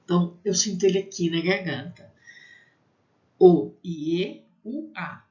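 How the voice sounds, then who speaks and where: A woman from Brazil teaching technical French to pastry students, spelling out sounds slowly and often checking in with "né?". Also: lowish voice, mellow. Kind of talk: language lesson for pastry students. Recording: slightly dull lo-fi recording.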